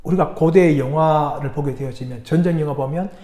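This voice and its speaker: A man preaching a sermon in a church. His voice sits high and mellow and swings widely as he tells stories and asks the congregation questions. The sound carries the echo of the church hall around him. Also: fairly quick. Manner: animated storytelling, acting out quoted characters. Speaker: pastor. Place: church sanctuary.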